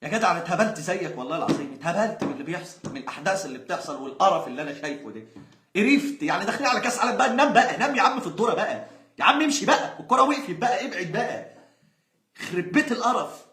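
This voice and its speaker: A man's voice: sits high, big pitch swings, rapid-fire, a bit bright, a little hiss or hum. A young Egyptian man, a football fan, ranting in exasperation and sarcasm, sometimes laughing. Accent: Egyptian Arabic. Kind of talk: angry ranting monologue. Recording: roomy echo.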